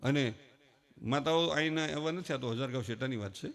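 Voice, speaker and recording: A male comedian, telling animated stories on a live stage and using lots of rhythmic repetition. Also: medium pitch, fairly quick, gravelly. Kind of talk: live folk storytelling comedy. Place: live stage show before an audience.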